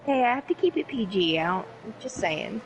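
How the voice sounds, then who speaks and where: A woman's voice: on the high side, big pitch swings, fairly quick, slight background noise, low-quality recording. A woman co-commentating a live sim race in a casual, hesitant way, laughing easily.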